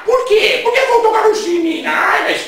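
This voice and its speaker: A man playing a brash, indignant comic radio host, shouting crude, mocking rants. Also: very high voice, expressive, normal speed, exaggerated voice. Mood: ranting. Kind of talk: comic rant. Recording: very echoey room, voice far from mic.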